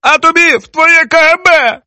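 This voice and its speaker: A man voicing a bitter, sharp-tongued elderly woman in an audiobook, in a high, shrill voice. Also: moderate pace, no echo, full character voice. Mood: defiant. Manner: shrill, biting retorts.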